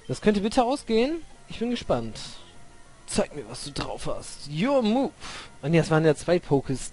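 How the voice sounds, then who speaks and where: Man, let's play commentary, excitable, curses at the game, somewhat high voice, faint game music behind. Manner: excitable, swears and shouts at the game; hums along while waiting. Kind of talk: gaming commentary.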